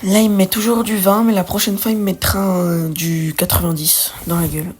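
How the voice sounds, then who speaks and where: A young woman who makes gaming videos chats casually while playing a card game, thinking aloud in slang and correcting herself along the way. Her husky, darkish voice is mid-range with little pitch movement and a slightly fast pace, and faint music plays behind.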